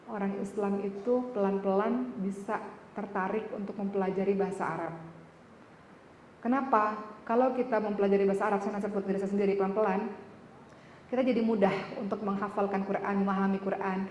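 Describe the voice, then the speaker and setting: A woman's voice: mid-range voice, slight background noise. A woman preacher giving a conversational religious lecture to a women's audience, often asking them questions directly. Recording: echoey hall with reverb, faint ambience.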